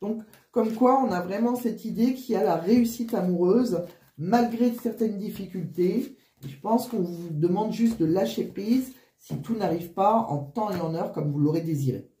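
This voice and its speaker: A woman giving a casual card reading, wheezy and short of breath with flu, halting and often restarting her phrases. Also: medium pitch, warm tone, roomy sound. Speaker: tarot card reader.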